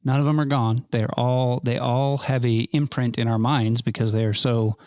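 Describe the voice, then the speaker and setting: A man's voice: medium pitch, fairly even intonation, normal speed, a little mellow, no echo. Thoughtful guest man, dry close sound. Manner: thoughtful, leans on "I feel like". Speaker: podcast guest. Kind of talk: casual podcast chat.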